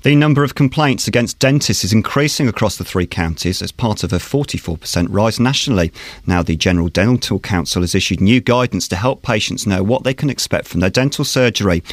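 A man's voice: lowish voice, no echo, studio quality. A man reading a scripted radio news bulletin. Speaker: radio newsreader.

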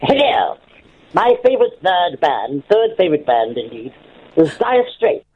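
A man's voice: on the high side, sing-song, measured pace, husky. A man calling in to a radio phone-in, chatty and jokey, his voice coming through an echoey line that sounds like an old homemade record. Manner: jokey and rambling. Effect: crackly, echoey phone line that sounds like an old record. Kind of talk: casual chat.

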